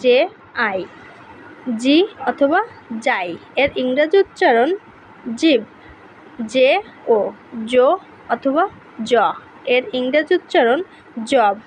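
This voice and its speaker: A woman teaching a pronunciation lesson, reading out letter pairs and example words one by one in a slow, deliberate way. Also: high-pitched, a little hiss or hum, poor audio.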